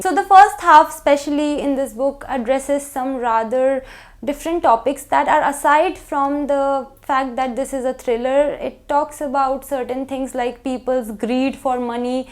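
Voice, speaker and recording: A young woman from India with an Indian English accent reviewing a thriller novel in an earnest, explanatory way. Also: high-pitched. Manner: earnest, even explaining tone with frequent "so" openers. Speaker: book reviewer. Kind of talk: scripted book review.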